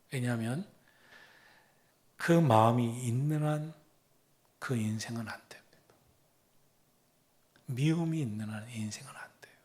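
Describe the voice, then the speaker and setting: A man preaching as a pastor, retelling a story with dramatic pauses and often dropping to a breathy whisper. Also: mid-range voice, a little mellow. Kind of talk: sermon.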